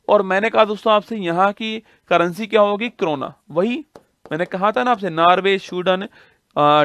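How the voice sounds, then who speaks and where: High-voiced man drilling a lesson. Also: fairly bright tone, dry recording. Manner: repetitive drilling, asks and answers own questions. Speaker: teacher. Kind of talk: online exam-prep geography lesson.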